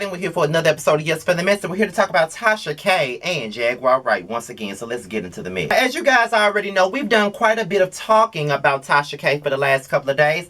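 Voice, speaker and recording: A man's voice: on the high side, a bit bright. Casual, slangy man hosting gossip commentary. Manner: conversational, opinionated, slangy, with repeated rhetorical questions. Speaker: host of a gossip commentary show.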